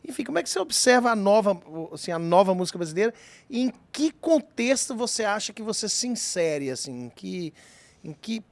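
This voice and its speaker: Man, from Minas Gerais, podcast host, chatty, enthusiastic, high voice, dry sound. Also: very animated, fairly quick, gravelly, dry recording. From Minas Gerais, Brazil. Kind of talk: casual podcast interview.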